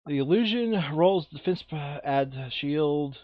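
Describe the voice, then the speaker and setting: Here a board game player on the high side sounds animated but speaks at a slow pace, alternating friendly banter with reading the game's scenario text. The audio is dry with the top end missing.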